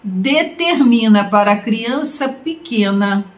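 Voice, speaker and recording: A woman's voice: fairly high pitch, animated, takes it slowly. A Brazilian woman giving a spoken lesson, talking straight to the listener in a conversational way and asking rhetorical questions. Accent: Brazilian Portuguese. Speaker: online course teacher. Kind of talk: spoken lecture to camera. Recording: roomy echo.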